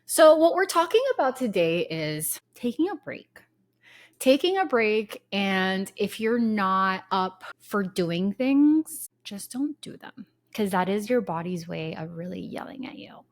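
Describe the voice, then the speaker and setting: Speaking at a measured pace in an animated mid-range voice, a woman in her thirties hosts her solo podcast, casual and candid with rambling asides. A lingering cold leaves her sounding congested.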